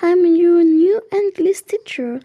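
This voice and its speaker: A woman voicing a polite new female English teacher who speaks slow, over-careful English while reading a story game aloud. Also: very high voice, lively intonation, dark tone, pitched above the performer's own voice, exaggerated voice.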